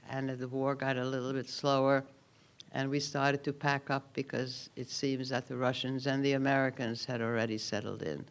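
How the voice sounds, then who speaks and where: A Hungarian-accented man in his eighties, a Holocaust survivor, gives a keynote testimony at a memorial ceremony. His medium-pitched, smooth voice tells his story calmly and with dry understatement.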